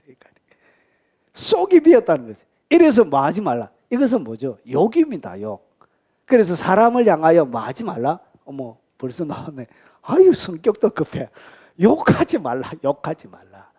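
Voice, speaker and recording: A man's voice: a little high, wildly swooping pitch, normal speed, husky. A male pastor with a Gyeongsang accent preaching a sermon, asking the congregation questions and answering them himself, acting out angry outbursts and dropping at times to a whisper. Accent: Gyeongsang Korean. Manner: acts out angry outbursts, shifts between loud and whispered lines.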